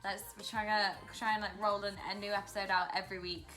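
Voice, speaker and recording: A woman's voice: medium pitch, flat delivery, fast talker, sharp tone. A young woman co-hosting a podcast in easygoing, wry casual chat. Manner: easygoing, wry, steers the conversation. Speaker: podcast co-host.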